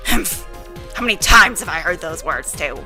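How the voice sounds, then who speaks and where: A woman voicing a hot-tempered, foul-mouthed old grandmother who scolds loudly, in an amateur visual novel voice-over. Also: on the low side, expressive, moderate pace, music in the background, pitched below the performer's own voice, lightly acted. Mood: grumpy. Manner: loud, shouting, gruff scolding.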